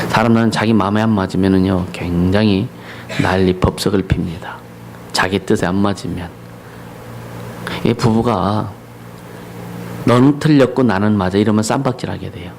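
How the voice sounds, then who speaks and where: A male pastor preaching a Sunday sermon, often asking the congregation questions and rising to loud declamation on scripture and slogans. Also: low-pitched, creaky, slight background noise, rough recording. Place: church sanctuary.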